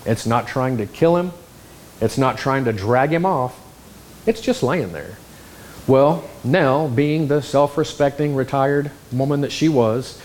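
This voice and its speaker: A man preaching a sermon, telling a story in an animated, exclamatory way. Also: mid-range voice. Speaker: pastor.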